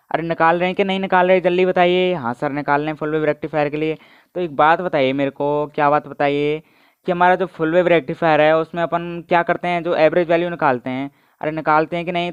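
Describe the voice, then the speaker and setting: A man teaching a physics class on video with lots of energy. He keeps prodding his students with questions and answers them himself. His fairly high voice comes through very clear and close, on a dry, slightly dull, lo-fi recording. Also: dry recording. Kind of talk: online video lecture.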